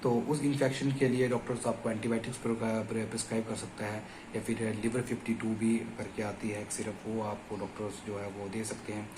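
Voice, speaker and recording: A man's voice: fairly low pitch, flat delivery, normal speed, background noise. A man explaining medical lab tests step by step in an informal lecture, often addressing listeners as friends. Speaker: medical educator. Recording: echoey room with faint ambience.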